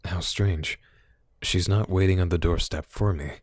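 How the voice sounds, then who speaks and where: A man's voice: low voice, steady tone, measured pace, darkish tone, no room sound. A man reading the lines of a jaded, bitter woman cop in a cyberpunk game, with a dry, sardonic delivery. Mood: weary. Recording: music playing behind.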